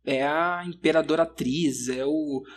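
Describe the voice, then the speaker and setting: A man's voice: on the high side, unhurried. A man with a Brazilian Portuguese accent co-hosting a podcast in casual, slangy, grumbling banter. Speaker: podcast co-host.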